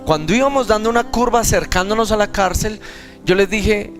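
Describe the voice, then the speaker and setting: There's music under this young man's high, somewhat fast voice as he preaches at a seminar. With a Colombian Spanish accent, he recounts a personal testimony in earnest and voices the people in it himself.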